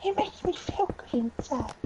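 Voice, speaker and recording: A man putting on a silly high falsetto voice, gushing and drawn out. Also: expressive, moderate pace. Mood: giddy. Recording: dull lo-fi stream audio with hiss.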